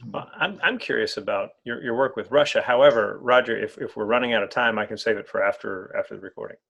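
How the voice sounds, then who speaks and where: A man's voice: lowish voice, fast, creaky, a bit bright, slightly rough, lo-fi sound. A man interviewing a guest in an online club meeting, who often repeats words while searching for phrasing.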